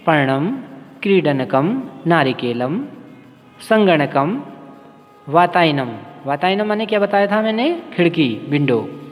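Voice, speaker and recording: A man teaching a language lesson, drilling words slowly and carefully, then giving their meanings. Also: a little high, long reverb tail. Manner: slow, careful drill pronunciation with translations. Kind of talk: classroom lesson.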